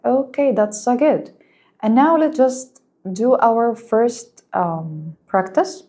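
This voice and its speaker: A woman whose first language is Arabic teaching an English lesson, speaking slowly and clearly and praising her students. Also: a little high, mellow. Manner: patient, encouraging, slow and clear, explains in Arabic too.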